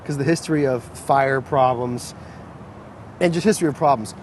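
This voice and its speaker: A man's voice: mid-range voice, normal speed. A man talking casually as a guest about his car, rambling through explanations with fillers, recorded outdoors on a street. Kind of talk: casual chat. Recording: noisy outdoor street sound.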